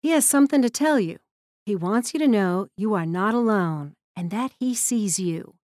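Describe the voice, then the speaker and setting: Woman reads gentle Southern mechanic, earnest, reassuring, dry read. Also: mid-range voice, a little slow, dry recording, close to an everyday voice.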